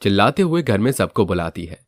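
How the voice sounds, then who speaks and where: A man narrating a moral storybook tale in a steady, even way. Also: on the low side, brisk, no room sound.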